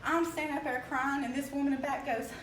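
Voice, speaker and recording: A young woman with an Appalachian accent telling a story in a casual, animated way, often laughing and acting out the voices she quotes. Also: high-pitched, fast talker, a little hiss or hum. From Appalachia, West Virginia. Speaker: speaker telling her story. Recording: echoey room, mic from far off, faint ambience.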